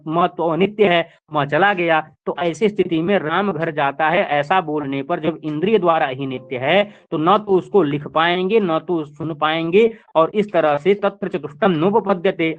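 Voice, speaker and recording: A man with a fairly high voice gives a patient lecture on a classical Sanskrit text. He talks, goes over each point more than once and keeps asking his listeners rhetorical questions. The sound is thin and narrow, like a phone line. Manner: slow, repetitive explanations with rhetorical questions. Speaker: Sanskrit teacher. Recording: tinny phone-like audio.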